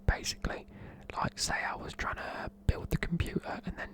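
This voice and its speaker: Whispering in ASMR fashion, this British-accented presenter from the UK explains slang in a casual, matey, chatty way. The pace is moderate and the tone fairly bright.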